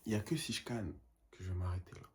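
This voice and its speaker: This young male painter has a low-pitched, somewhat mellow voice and talks quickly over slight background noise. His vlog monologue is casual and rambling, full of self-motivation and the occasional English phrase.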